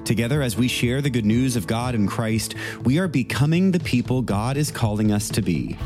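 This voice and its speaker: A man, a priest, leading a reflective meditation and reading scripture in a measured, gentle voice. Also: mid-range voice, lively intonation. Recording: music playing underneath the voice. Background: soft instrumental music.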